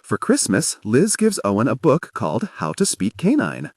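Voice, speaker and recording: A man narrating an audiobook in an expressive storytelling manner. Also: medium pitch, moderate pace, breathy edge, no echo, clean studio sound.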